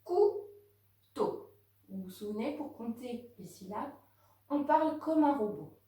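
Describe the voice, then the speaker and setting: A woman teaching a home lesson to young children, speaking slowly and clearly to the kids and their parents. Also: on the high side, animated, dark tone. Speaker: kindergarten teacher. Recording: very echoey room, voice from a distance.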